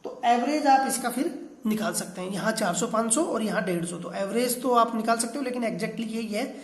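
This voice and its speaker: A man's voice: extremely high pitch, normal speed. Echoey man teaching a lesson. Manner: asks questions and answers them himself; explanatory, repeats key terms. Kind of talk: geography class lecture.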